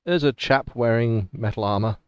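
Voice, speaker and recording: A man's voice: mid-range voice, normal speed, clear, resonant tone, dry recording, dull audio. A man acting as game master, casually improvising narration for a tabletop role-playing game.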